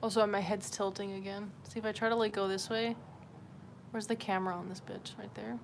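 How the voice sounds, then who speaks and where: A mid-range female voice with little pitch movement, delivered briskly. She's a livestream host chatting casually while drawing, swearing and putting herself down in a joking way. Background noise and room ambience are clearly present.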